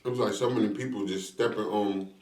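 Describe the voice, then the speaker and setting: A man's voice: fairly low pitch, steady tone, fast, darkish tone. A man chatting casually and slangily to viewers as he eats fried chicken during a mukbang. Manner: eating fried chicken while talking; colloquial, slangy, addresses viewers as y'all. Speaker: mukbang vlogger. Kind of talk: casual chat to viewers while eating. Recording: roomy echo, distant from the mic.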